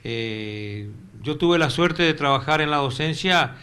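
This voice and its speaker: This older retired teacher with a Corrientes Argentine accent speaks slowly and expressively in a slightly high voice that is bright, forceful, clear and resonant. As a guest in a casual local cable TV interview, he recalls his career in a rambling way, repeating words as he searches for them.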